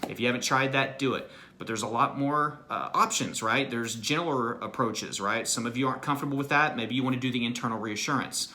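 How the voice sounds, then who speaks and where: Bright-voiced man coaching through anxiety. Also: medium pitch, a little fast, hardly any pauses. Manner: earnest, repetitive, peppers lines with "right?" and "you know". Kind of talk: motivational self-help talk.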